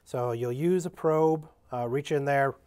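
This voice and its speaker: A man's voice: mid-range voice, a little slow, darkish tone, smooth. A man giving an unscripted how-to demonstration of equipment maintenance in a workshop, talking plainly with many fillers and restarts. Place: indoor workshop with benches.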